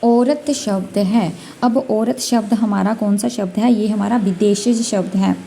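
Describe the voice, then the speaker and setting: A woman's voice: mid-range voice, fairly even intonation, measured pace, gravelly, dark tone, slight background noise. Woman teaching Hindi exam questions. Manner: explains patiently, repeats key words, sounds out letters. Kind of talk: exam-prep lesson, question by question.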